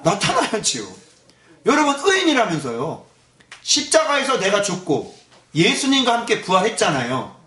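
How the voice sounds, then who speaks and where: Animated high-voiced preaching pastor. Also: male voice, normal speed, reverberant. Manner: animated preaching with rhetorical questions to the congregation. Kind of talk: Sunday morning sermon. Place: church sanctuary.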